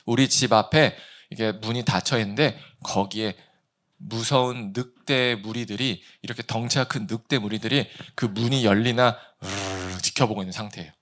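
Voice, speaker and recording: A male pastor preaching a sermon, asking the congregation questions and acting out complaining voices in a raised pitch. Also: moderate pace, a bit bright. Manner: asks the congregation questions and answers them himself.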